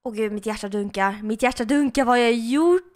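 A young woman chatting casually to viewers while gaming, giggly and excitable, breaking into shrieks when something surprises her. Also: a little high. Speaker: girlfriend of the host, gaming on camera.

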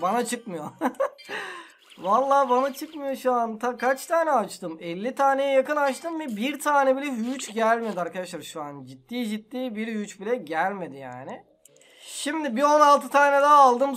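A man's voice: sits high, a bit bright, slight background noise. A man hosting a gaming channel, giving casual gameplay commentary in an exasperated, complaining, slangy way.

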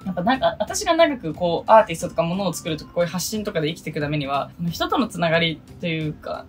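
Fast-talking low-voiced young woman from Okinawa. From Okinawa, Japan. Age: 20s. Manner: chatty, self-deprecating asides, quick laughs. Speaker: idol producer and vlogger. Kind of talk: casual solo vlog, reading out a list.

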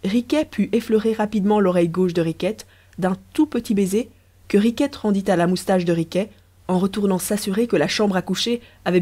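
A woman reads a storybook aloud with a warm, mellow, soft-edged voice. Her narration is lively and playful, keeping the tale moving with a storyteller's touch. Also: medium pitch. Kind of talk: audiobook narration.

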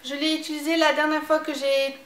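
A young woman, chatting casually about a shopping haul as a beauty vlogger, hesitant and pausing often with filler sounds. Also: sits high, level tone, a bit bright, a little hiss or hum. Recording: echoey room.

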